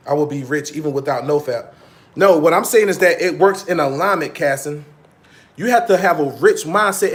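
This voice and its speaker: A man's voice: on the high side, fairly bright tone. A man in his thirties talking casually to his viewers, blunt and profane, heavy on slang and repeating points for emphasis. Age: 30s. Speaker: vlog host. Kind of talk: casual monologue to live viewers.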